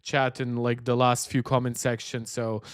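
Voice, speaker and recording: A man hosts a tech livestream, talking straight to his viewers with conversational chat and opinionated reactions. His medium-pitched voice is level, clear and resonant, at a normal speed. The recording is dry and studio quality.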